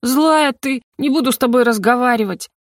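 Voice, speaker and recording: A woman's voice: a little high, lively intonation, moderate pace, creaky, no echo, clean studio sound, pitched above the performer's own voice. Woman reading a slurring tipsy heroine. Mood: giddy. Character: drunk giggly young woman in a man's body. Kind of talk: audiobook character reading.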